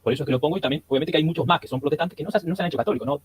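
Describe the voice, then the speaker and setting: A man's voice: fairly high pitch, soft background music. A man from Argentina with an Argentine accent, commenting on video clips in a casual, chatty way. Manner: quick, chatty, with chuckles and restarts.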